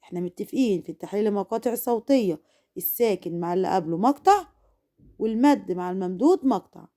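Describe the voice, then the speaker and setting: An Egyptian woman teaching a first-grade reading lesson, addressing the children directly and encouragingly, stretching each modeled word out slowly before repeating it. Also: mid-range voice, lively intonation, mellow. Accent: Egyptian Arabic. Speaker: primary school teacher.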